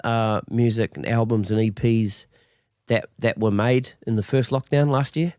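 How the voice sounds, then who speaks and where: A man's voice: medium pitch, steady tone, normal speed, a little mellow, dry recording, studio quality. A man with a broad New Zealand accent hosting a casual, matey chat interview in an encouraging, laid-back way. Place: at home on a remote call.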